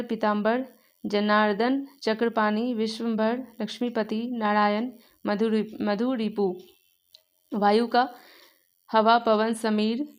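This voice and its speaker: A young woman teaching an exam revision class, reading long word lists aloud with brief asides to her students. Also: a little high. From Bihar, India. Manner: rapid listing of words, brief asides to students.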